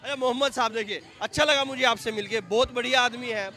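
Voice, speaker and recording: A man's voice: very high-pitched, quick pace, bright, forceful tone, faint music behind. A man reporting on the street who keeps prompting his guest, finishing his sentences and asking leading questions. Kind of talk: street interview.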